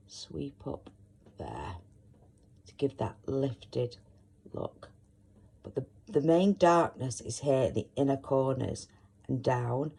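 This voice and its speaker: A croaky woman talks through her makeup routine step by step. Her voice is gravelly and husky, with a mellow, dark tone. She speaks softly and chattily as she demonstrates. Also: extremely low pitch. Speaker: makeup tutorial host.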